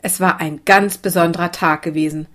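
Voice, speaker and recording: A woman reading a children's storybook aloud in a calm, even way. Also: lowish voice, a little fast. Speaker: narrator.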